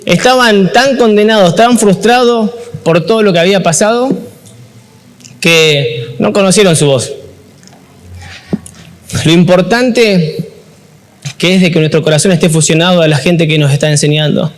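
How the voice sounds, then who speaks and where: Heard in a large hall, this youth ministry speaker is a man with a high voice and a Rioplatense Argentine accent, talking at a moderate pace with long pauses. His informal workshop sermon is chatty and full of jokes, with frequent questions to the crowd.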